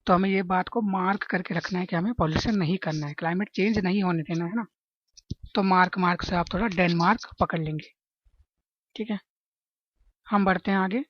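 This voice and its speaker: A woman's voice: medium pitch, slightly rough, no echo, lo-fi sound. Chatty woman teaching exam tricks. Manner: chatty, keeps asking "है ना?" to check understanding. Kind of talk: explaining exam facts with memory tricks.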